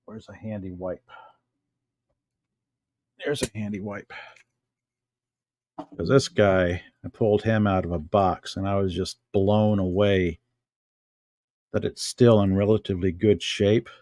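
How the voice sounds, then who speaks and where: Musing quietly as he picks things up, a middle-aged American man presents items in a relaxed vlog from his home. He speaks in a lowish, steady, darkish voice, and there's no echo.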